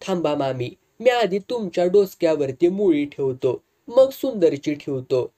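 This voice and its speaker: A cheeky young village guy, read by the storyteller, teasing and easygoing, relaxed mellow tone, rural lilt in a spoken storybook. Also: on the high side, measured pace.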